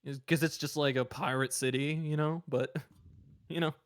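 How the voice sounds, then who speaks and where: Dude running a tabletop game, kinda high voice, rambly with lots of ums. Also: male voice, fairly even intonation, normal speed. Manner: rambling, hesitant, many fillers. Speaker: game master.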